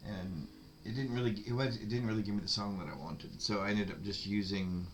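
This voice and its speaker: A man with a low voice chats casually in an easygoing, rambling way. A faint hiss of room noise sits behind him. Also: fairly quick. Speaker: streamer's partner. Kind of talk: casual chat.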